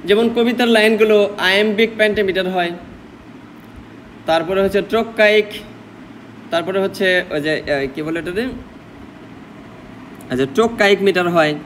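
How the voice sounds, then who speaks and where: Bangladeshi male lecturer with a high voice. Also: fairly even intonation, normal speed, pauses often, fairly bright tone, slight background noise, low-quality recording. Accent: Bangladeshi Bengali. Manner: explains step by step, asks rhetorical questions. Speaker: English literature lecturer. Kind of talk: classroom lecture mixing English terms.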